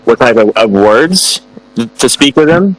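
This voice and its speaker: Fielding student questions as a guest in a casual online chat, this American man sounds hesitant, with many fillers and restarts. His medium-pitched voice is expressive and measured, though the recording quality is low.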